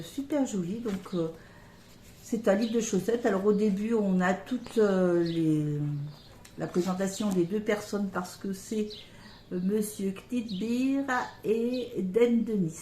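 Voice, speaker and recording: A middle-aged woman chatting casually about her knitting, hesitant, with many pauses and fillers, recorded by a camera on a table near her. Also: mid-range voice, dark tone, roomy sound, slight background noise. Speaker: knitting podcaster.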